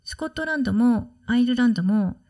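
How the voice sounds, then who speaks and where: Chatty woman podcast host, lively pitch. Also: brisk. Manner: relaxed, chatty, explaining with soft asides. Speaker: study-abroad consultant and podcast host. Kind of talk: solo podcast talk.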